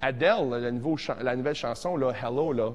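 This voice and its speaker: A man in his forties with a Québécois accent, teaching a casual songwriting workshop, joking and animated, tossing in English words. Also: medium pitch, fast talker, big-room sound, lo-fi sound. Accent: Québécois French. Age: 40s.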